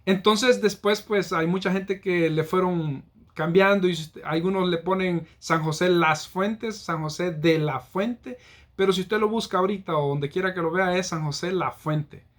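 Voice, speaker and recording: A man's voice: high voice, normal speed. A man from El Salvador, explaining things in a casual, teacherly way with examples and frequent hesitations. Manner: teacherly, walks through examples, frequent "eh" fillers. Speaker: local history presenter.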